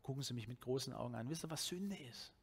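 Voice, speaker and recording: A man's voice: medium pitch, fast talker, creaky, husky. A man in his forties from Swabia with a Swabian German accent, preaching a sermon in a loose, conversational way, often restarting his sentences, speaking into a headset mic in a church hall. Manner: conversational, animated, with many restarts and fillers. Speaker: pastor.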